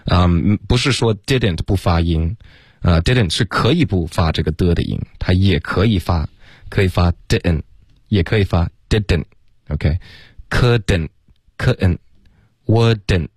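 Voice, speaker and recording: A man with a very low voice teaches English pronunciation on a radio lesson. He explains patiently, murmuring agreement and mixing English words into his Chinese, and the sound is close and dry. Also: unhurried, darkish tone, slightly rough, no echo. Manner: frequent back-channel murmurs. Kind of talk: casual radio lesson chat.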